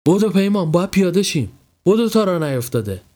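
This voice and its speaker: A man's voice: high-pitched, very animated, darkish tone, voice pushed up. A man voicing a panicky young male office clerk in a horror audio story, talking in an urgent, raised voice.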